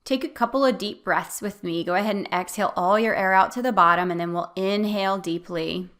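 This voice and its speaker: A woman leading a guided meditation as an instructor, speaking in a gentle, soothing, instructional way. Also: medium pitch, fairly quick.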